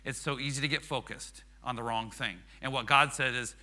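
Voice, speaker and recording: A man's voice: mid-range voice, fairly even intonation, brisk, bright, forceful tone. A middle-aged man giving a chatty, self-deprecating sermon, acting out quoted prayers and voices. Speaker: preacher. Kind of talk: conversational sermon.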